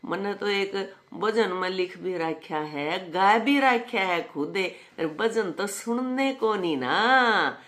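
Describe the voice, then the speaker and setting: A man's voice: high-pitched, expressive, slow pace, few pauses, a bit bright. A man with a Haryanvi accent in a casual monologue, rambling and emphatic as he tells a story and quotes others. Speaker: vlogger. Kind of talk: casual monologue answering critics.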